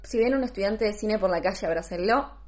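A woman's voice: medium pitch, brisk, darkish tone, reverberant. A young woman with an Argentine accent, a film student co-hosting a casual podcast, self-mocking with hesitant fillers. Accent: Argentine Spanish. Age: young adult. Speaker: podcast co-host. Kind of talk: casual chat.

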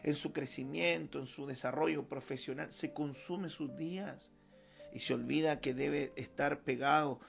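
A man's voice: fairly high pitch, fairly even intonation, normal speed, vocal fry, faint music behind. A man preaching a fervent sermon as pastor at a church service, repeating his key phrases for emphasis.

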